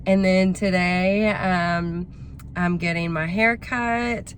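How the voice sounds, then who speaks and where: A woman with a slightly raspy voice, chatting casually to camera as a vlogger. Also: fairly low pitch, fairly even intonation, takes it slowly. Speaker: vlogger hosting a week-in-my-life video. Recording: clear background noise, ambience.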